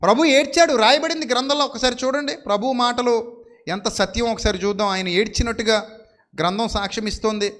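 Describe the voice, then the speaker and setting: A man preaching a sermon who keeps asking his listeners rhetorical questions and slows down sharply to stress scripture phrases. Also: very high voice, fairly bright tone.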